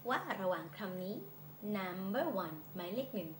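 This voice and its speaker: A Thai woman teaching English in a casual phone-recorded lesson, playfully drilling words slowly. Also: on the low side, expressive, slight background noise. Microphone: phone camera. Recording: echoey room, faint ambience.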